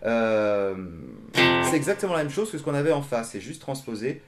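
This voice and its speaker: A man giving a casual guitar lesson in a small room, talking in a relaxed way and counting beats aloud. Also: mid-range voice, moderate pace, roomy sound. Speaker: guitar teacher. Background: electric guitar playing.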